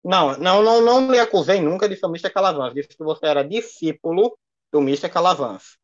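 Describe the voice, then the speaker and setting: A man's voice: high voice, expressive, fast talker. Defensive man on a muffled line. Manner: defensive, repeats phrases over and over. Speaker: guest on a livestream. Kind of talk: casual livestream debate.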